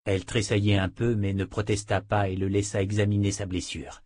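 A man reading a fantasy novel aloud in a steady, measured storytelling voice. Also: fairly low pitch. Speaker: audiobook reader. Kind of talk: scripted narration.

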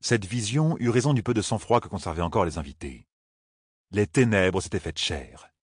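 A low-pitched man narrating a fantasy audiobook with a lively, varied delivery. His voice is husky, and the recording is dry and close. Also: moderate pace, no room sound. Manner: lively, expressive reading.

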